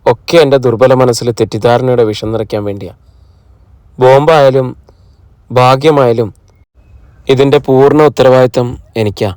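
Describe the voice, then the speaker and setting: An earnest, troubled middle-aged husband who pleads his case in an audiobook, voiced by a man narrator. The voice is smooth and clear. It is recorded close and dry. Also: medium pitch, normal speed, pauses often, a little mellow, no echo, lightly acted. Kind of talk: audiobook character reading.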